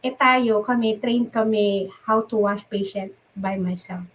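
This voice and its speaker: A middle-aged woman from the Philippines, a nurse, chatting casually as an interview guest, animated and laughing often as she acts out the voices of people she quotes. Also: mid-range voice, a little slow, low-quality recording. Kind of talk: casual storytelling chat.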